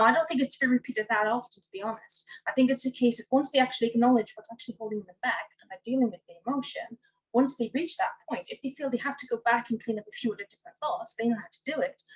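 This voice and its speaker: Husky-voiced woman life coach. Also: fairly high pitch, fast talker, muffled recording. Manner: tells stories by acting out her own past dialogue. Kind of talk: podcast interview answers.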